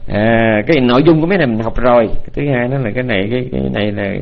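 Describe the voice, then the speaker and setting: A man's voice: mid-range voice, creaky. Rambling Buddhist teacher, man, lo-fi. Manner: rambling, repeats words while searching, dictates slowly for notes. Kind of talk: dharma talk to an online group.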